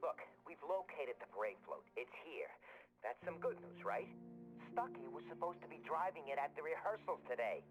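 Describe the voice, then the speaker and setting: An eager deputy on muffled radio. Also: male voice, on the high side, sing-song, normal speed, music in the background. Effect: police radio. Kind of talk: video game voice acting. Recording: dull, band-limited radio transmission.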